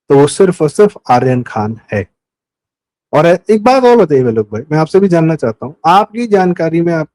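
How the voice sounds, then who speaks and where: Middle-aged guy arguing his point on a talk show, pushy, lots of rhetorical questions, highish voice. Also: darkish tone, rough recording. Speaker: guest commentator. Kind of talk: political talk show discussion.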